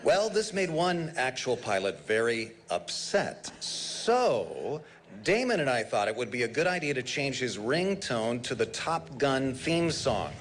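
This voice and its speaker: A man's voice: mid-range voice, a little hiss or hum. A man hosting a live radio broadcast of a memorial, reading listener messages aloud. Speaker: radio host.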